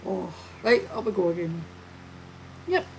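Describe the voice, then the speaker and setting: A woman hosting a flight video with casual, chatty, relaxed running commentary. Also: on the low side, a little slow, rough recording. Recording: steady background noise behind the voice.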